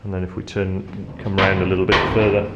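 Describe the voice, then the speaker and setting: A man's voice: deep voice, completely flat delivery, fast, lo-fi sound. A man acting as tour guide, explaining machinery in an informal, unscripted way inside a ship's engine room. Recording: echoey metal room, background hum.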